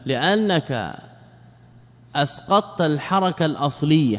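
A man teaching a grammar lesson, quizzing his students and repeating key words slowly. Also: a little high. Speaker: Islamic scholar teaching a class. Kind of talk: classroom lesson with questions to students. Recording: long hall reverb.

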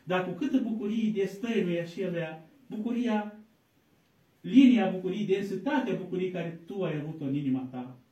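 A man, an Orthodox priest, preaching a sermon, moving from quiet asides to loud, emphatic exhortation and intoning scripture slowly, as if chanting. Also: high-pitched. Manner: slow, chant-like reading of scripture quotes. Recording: echoey room, distant mic.

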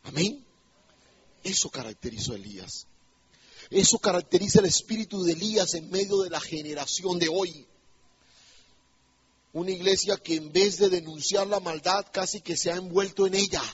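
A man's voice: sits high, moderate pace, long pauses, highs cut off. A male pastor preaching an emphatic sermon in a church, putting rhetorical questions to the congregation.

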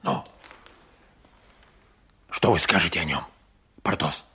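A wry, confiding musketeer in a period drama. The voice is extremely deep yet sharply bright, slow and dry. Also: male voice, breathy edge, heavily acted. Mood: amused. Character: wry, amused musketeer conferring with his friend.

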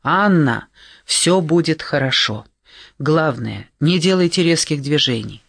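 Guy reading as calm bossy guide man in a jungle thriller audiobook, steady orders, slightly high voice. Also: measured pace, no room sound. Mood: soothing. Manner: steady, urgent instructions. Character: calm, commanding adult male expedition guide.

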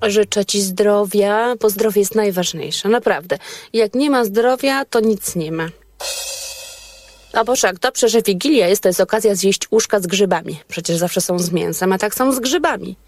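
A woman's voice: mid-range voice, normal speed, soft background music. A woman performing a comic monologue that jumps between fussing, pushing food on people and complaining, talking in a pushy, chattering way. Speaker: comedy sketch performer.

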